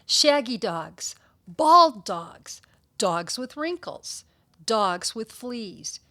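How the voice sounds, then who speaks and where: A woman with a fairly high voice reads a children's picture book aloud, telling the story in an expressive, deliberate, emphatic way.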